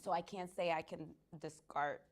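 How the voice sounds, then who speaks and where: Gravelly-voiced woman from the Dominican Republic. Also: deep voice, fairly even intonation. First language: Spanish. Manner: laughing, halting with many ums. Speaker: guest. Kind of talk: casual interview chat.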